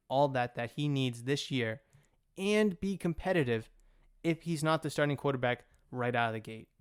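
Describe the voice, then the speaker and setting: A young man talks sports on his own podcast, with a smooth, clear voice pitched a little high. He rambles through his opinions, trips over words and fixes them as he goes. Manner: opinionated, rambling, self-correcting. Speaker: podcast host. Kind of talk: solo sports talk podcast.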